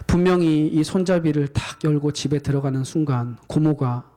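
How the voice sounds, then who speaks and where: A male pastor delivers a sermon as an emotional story. His voice sits slightly high, yet it has a warm, mellow tone. He builds each scene dramatically. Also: moderate pace.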